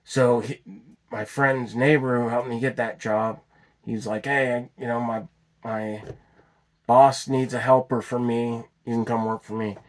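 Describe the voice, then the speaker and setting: Average-pitched man, off-the-cuff storyteller, loose and rambling with some cursing. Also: level tone, measured pace. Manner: rambling, with restarts and swearing. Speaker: vlogger telling his story. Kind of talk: unscripted personal storytelling.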